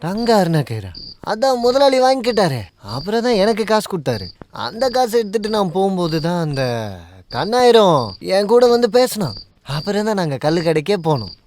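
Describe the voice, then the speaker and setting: Bumbling servant for a film dub: whiny, rambling, very lively pitch. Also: male voice, brisk, slight background noise. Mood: tipsy rambling. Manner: rambling and whiny, later tipsy. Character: simple-minded male servant, comic and bumbling. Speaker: dubbed film actor. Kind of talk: dubbed film dialogue.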